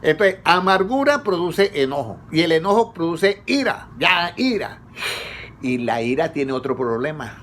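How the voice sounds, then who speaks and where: A man preaching conversationally, asking his congregation questions and letting them answer, his pitch rising on each question. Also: animated, moderate pace, hardly any pauses, fairly bright tone, a little hiss or hum. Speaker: pastor leading a Bible study. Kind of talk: conversational sermon.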